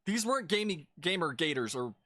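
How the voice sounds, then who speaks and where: A man co-hosting a reaction video, arguing his points deliberately. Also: a little high, big pitch swings, pushed and bright, dry recording, clean studio sound. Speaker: co-host. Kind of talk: casual reaction commentary.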